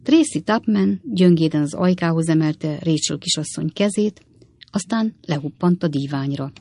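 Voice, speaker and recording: A woman narrating an audiobook in a measured, expressive reading. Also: low voice, dry recording.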